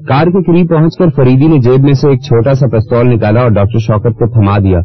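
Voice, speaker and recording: Man narrating a story, lo-fi. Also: mid-range voice. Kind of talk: audiobook narration of a detective novel. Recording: lo-fi with faint music.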